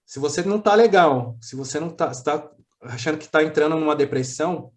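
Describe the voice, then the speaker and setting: Podcast guest, Brazilian man, slightly high voice, earnest and reflective, lots of restarts. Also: fairly quick. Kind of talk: casual interview chat.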